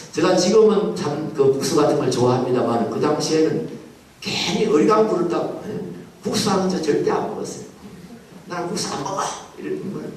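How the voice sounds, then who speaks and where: A pastor telling a childhood story in a sermon, acting out the people in it. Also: male voice, on the high side. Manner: animated storytelling, acts out voices. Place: large church hall. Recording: echoey hall from far off.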